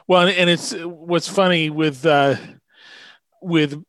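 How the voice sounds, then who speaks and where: A man giving a casual interview as a guest food writer, halting as he searches for words, his speech thick and slurred from a swollen tongue. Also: on the high side, steady tone, fairly bright tone, dry recording, studio quality.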